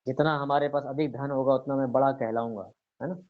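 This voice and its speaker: A man teaching a scripture lesson, reciting verses slowly and putting rhetorical questions to his listeners. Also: medium pitch, steady tone, narrow, tinny audio. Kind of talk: explanatory religious lecture.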